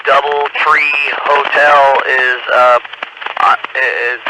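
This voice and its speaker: A man calling in a report over two-way radio, hesitant and pausing often. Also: medium pitch, little pitch movement. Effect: two-way radio transmission. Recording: very noisy amateur radio link, clicks.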